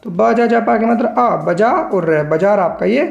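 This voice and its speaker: A woman teaching shorthand in a patient tutorial, slowly spelling out each stroke and repeating syllables. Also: mid-range voice, creaky, darkish tone, reverberant, muffled recording. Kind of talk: step-by-step tutorial explanation.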